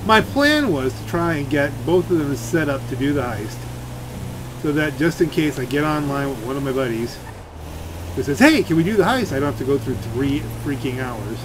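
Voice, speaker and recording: Over clear video game engine noise, car sounds, and ambient effects, this man, a streamer and video creator, thinks aloud in loose, grumbling gameplay commentary. He speaks at a medium pitch and an ordinary pace.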